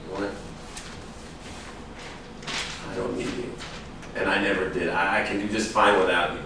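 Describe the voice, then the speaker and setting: In a staged play reading, an actor speaks fast in a low, level voice close to his everyday tone, playing a volatile, possessive alcoholic who is a desperate failing writer. His mood is cold and defiant as he swings between bullying accusation and begging. The distant mic picks up an echoey room and faint noise.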